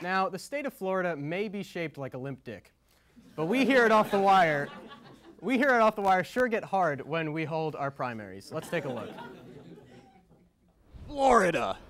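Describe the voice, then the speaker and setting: A young man hosting a comedy show, interviewing people on a city street with a handheld mic and teasing them with deadpan jokes. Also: high voice, moderate pace, pauses often. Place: outdoors on a city plaza.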